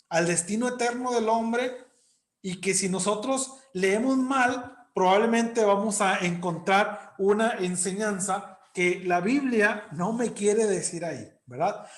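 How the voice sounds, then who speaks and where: Guy teaching bible study at church, talks casual, keeps asking the room stuff, kinda echoey. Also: sits high. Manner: conversational, asks the congregation questions, frequent "¿verdad?". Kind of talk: church Bible class lesson.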